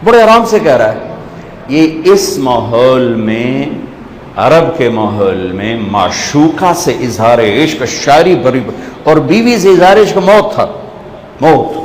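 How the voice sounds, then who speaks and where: Male preacher, storyteller who recites Arabic verse and shifts between hushed and raised delivery; long hall reverb. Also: mid-range voice, big pitch swings. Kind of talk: sermon. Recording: echoey hall with faint background noise.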